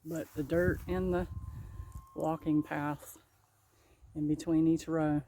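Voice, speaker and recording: A deep, mellow female voice with a level tone and slow pace narrates a casual gardening vlog. She laughs and chats folksily with viewers as she works outdoors, a bit breathless, over a light hiss or hum.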